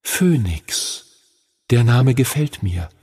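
A man reading an audiobook and voicing a young, wise hatchling dragon who speaks calmly and gently. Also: mid-range voice, takes it slowly, husky, no echo, studio quality, exaggerated voice. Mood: friendly.

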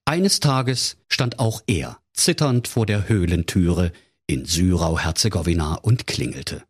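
A man's voice: low voice, expressive, measured pace, slightly rough. A man narrating a humorous fairy tale for children in a playful, theatrical way. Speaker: storyteller.

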